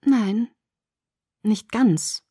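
A woman voicing a stubborn, earnest young woman in love, speaking quietly and earnestly. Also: mid-range voice, very slow, slightly rough, no echo, clean studio sound. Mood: wistful.

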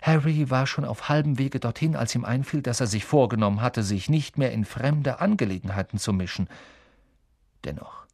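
A man narrating an audiobook in an expressive storytelling manner with lively emphasis. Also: mid-range voice, brisk, few pauses, dry recording, studio quality.

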